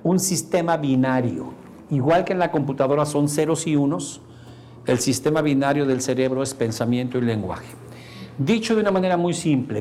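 A man teaches a seminar on neuro-linguistic programming. His voice sits slightly high, and he plays out quoted dialogue with humor. A faint hiss of background noise runs under the recording. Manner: animated, acts out quoted computer dialogue, jokey asides to the audience. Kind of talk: live seminar lecture.

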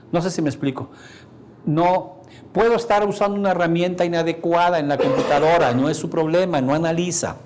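Animated man lecturing a seminar. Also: a little high. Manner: animated, acts out quoted computer dialogue, jokey asides to the audience. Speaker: speaker teaching neuro-linguistic programming.

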